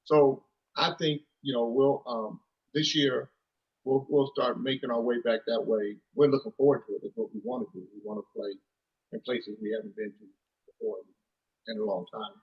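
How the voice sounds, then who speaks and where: In a casual storytelling interview, the thirties-aged musician guest rambles with frequent restarts and "you know"s. His mid-range voice carries vocal fry and a breathy edge at normal speed, and the audio is muffled.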